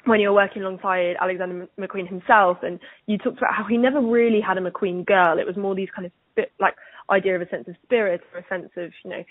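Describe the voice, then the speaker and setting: A female interviewer on a telephone call poses roundabout, talkative questions. Her mid-range voice is steady, fast, and slightly rough with no echo, though the phone line sounds tinny and band-limited.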